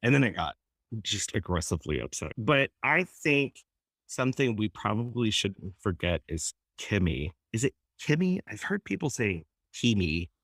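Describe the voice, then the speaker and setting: Low-voiced man, dry, wry film talk. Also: sing-song, moderate pace, fairly bright tone, no echo. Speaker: film critic podcast host. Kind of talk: casual film discussion.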